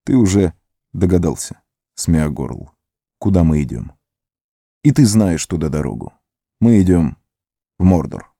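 A man's voice: lowish voice, expressive, moderate pace, dark tone, dry recording, studio quality. A man voicing Frodo, a stern and resolute young hobbit, in an audiobook. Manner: stern, commanding. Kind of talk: audiobook character voice.

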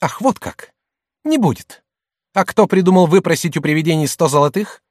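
Guy doing a loud mocking wife, higher and forceful, very up-and-down, dry sound. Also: animated, normal speed, no room sound. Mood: tearful fury. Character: shrill jealous merchant's wife, middle-aged, scornful.

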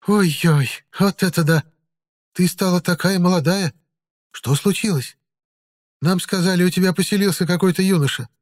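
A man's voice: high-pitched, moderate pace, pitched above the performer's own voice, close to an everyday voice. A male narrator voicing a gossipy baker's wife of about fifty who chatters nosily in a raised voice in an audiobook. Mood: gushing.

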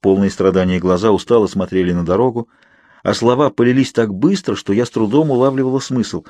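Give me a man reading an audiobook, low and husky, in a dry, close recording. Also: fairly quick, dark tone, no echo. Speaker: audiobook narrator. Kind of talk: scripted narration.

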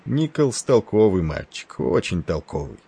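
A man voicing a genial, wisecracking male ship's doctor with an Irish accent, talking with rough familiarity. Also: low-pitched, sing-song, a little slow, warm tone, full character voice.

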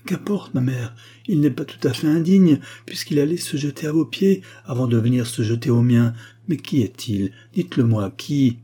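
A man's voice: mid-range voice, moderate pace, warm tone, husky, pitched above the performer's own voice, natural voice. A man voicing an anguished young noblewoman in an audiobook reading, with pleading, breathless questions.

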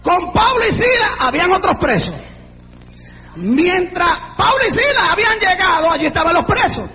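A man preaching at the top of a very high, strained voice, shouting refrain after refrain and throwing in fervent cries of praise. He sounds far off in a reverberant church hall, with a muffled, dull recording and a faint congregation behind him. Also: big pitch swings, normal speed, a little hiss or hum. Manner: shouts fervently, repeats refrains, interjects aleluya. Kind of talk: shouted Pentecostal-style sermon.

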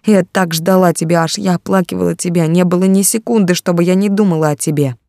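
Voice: mid-range voice, steady tone, fast talker, vocal fry, mellow, a little hiss or hum, close to an everyday voice. Desperate pleading young heroine, read aloud. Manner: pleading, tearful. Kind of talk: audiobook character reading.

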